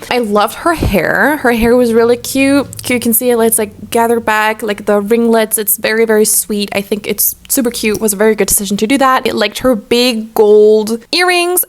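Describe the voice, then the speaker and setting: A woman in her twenties chatting casually and giving frank opinions, with many "like" fillers. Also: fairly high pitch. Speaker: YouTuber. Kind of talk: casual chat. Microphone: laptop.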